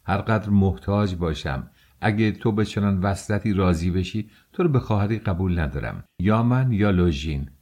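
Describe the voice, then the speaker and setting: A man's voice: low voice, lively intonation, darkish tone. A man voicing a feverish, bitter young man in an audiobook, curt and angry. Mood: stern. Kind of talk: audiobook character voice.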